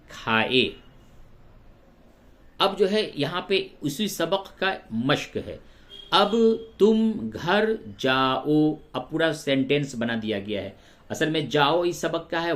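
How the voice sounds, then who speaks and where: A man with a slightly raised pitch teaches a beginner language lesson. He talks very slowly, sounding out letters and syllables one by one. His manner is patient and methodical, and he drills each sound through repetition. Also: fairly bright tone. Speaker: Urdu teacher.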